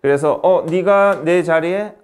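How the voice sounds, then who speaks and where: Male English tutor, high-pitched, brisk, keeps quizzing the student. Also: clean tone. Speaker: English teacher. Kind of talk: grammar lesson.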